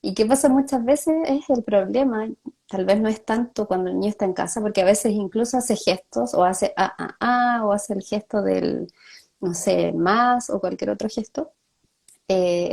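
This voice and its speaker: A woman speech therapist talks through a live-streamed chat. Her voice is mellow and low in brightness, with a gravelly fry. She explains patiently and slips into the voices of the parents she quotes. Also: moderate pace. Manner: explanatory, acts out parents' words.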